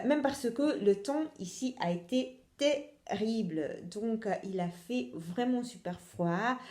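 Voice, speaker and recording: A young Italian woman with an Italian accent hosts a casual knitting podcast in French. Her voice is medium-pitched, mellow and reverberant, and she sounds hesitant, with many fillers and self-corrections.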